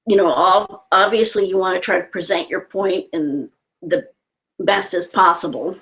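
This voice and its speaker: A woman's voice: lowish voice, moderate pace, fairly bright tone, low-quality recording. A woman hosting an online talk at home, explaining things step by step in an earnest way, with frequent restarts. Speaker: host.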